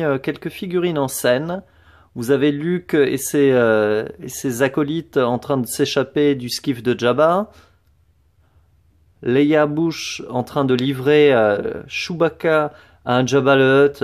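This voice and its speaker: A man's voice: mid-range voice, measured pace. A man giving a casual show-and-tell tour of his collection, hesitant, with many fillers and restarts.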